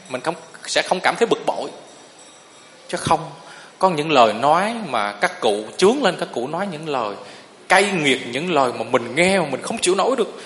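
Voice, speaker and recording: A man's voice: fairly high pitch, fairly bright tone. A man, a Buddhist monk giving a sermon in a folksy storytelling way and often asking the listeners if they agree. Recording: long reverb of a hall.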